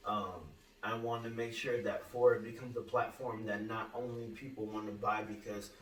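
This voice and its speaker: A man in his thirties hosting a podcast, talking earnestly in casual chat with halting restarts. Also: lowish voice, little pitch movement. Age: 30s. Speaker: podcast host. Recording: roomy, distant mic with faint hum.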